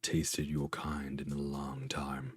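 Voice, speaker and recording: Hungry slithering cave serpent played by a man, deep menacing whisper, dry, crackling mic cutting out. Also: monotone, breathy edge, dry recording, heavily acted. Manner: slow, low, menacing whispers. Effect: crackling voice chat mic that keeps cutting out.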